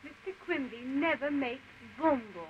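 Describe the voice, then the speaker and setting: A woman's voice: high-pitched, normal speed, lightly acted. An actress playing a prim, unruffled married lady in stagey early talkie style, terse and formal, on an old film soundtrack. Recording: dull, noisy old 1920s film soundtrack.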